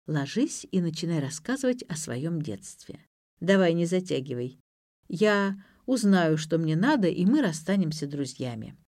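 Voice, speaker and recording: A woman's voice: fairly low pitch, sing-song, normal speed, darkish tone, no room sound, studio quality. A woman voicing a cold, demanding man speaking on the phone, curt and commanding.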